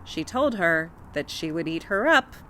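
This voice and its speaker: Expressive woman reading a folktale. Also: fairly low pitch, a little slow, slight background noise. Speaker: storyteller. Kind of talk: folktale read-aloud narration.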